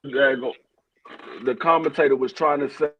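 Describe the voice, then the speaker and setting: A man's voice: medium pitch, steady tone, normal speed, highs cut off, a little hiss or hum. Man on a choppy, cutting-out call line. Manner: stammering, restarts his sentences. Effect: choppy call audio that cuts out mid-word. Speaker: co-host calling in. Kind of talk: casual sports chat.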